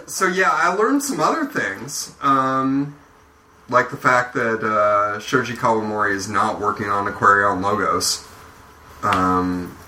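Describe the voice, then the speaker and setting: A man talking loosely in a group podcast chat, his speech full of ums and uhs. His voice is bright and forward. He sounds a little far from the mic in a roomy space with faint background noise. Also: lowish voice. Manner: rambling, many ums and uhs. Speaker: podcast co-host.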